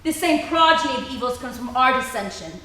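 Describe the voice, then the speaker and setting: Proud fairy queen played by a woman, high voice, declamatory stage Shakespeare, indignant, recorded far off in an echoey hall. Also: expressive, fairly quick, bright, forceful tone. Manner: theatrical, declamatory stage delivery. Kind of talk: Shakespearean verse stage acting.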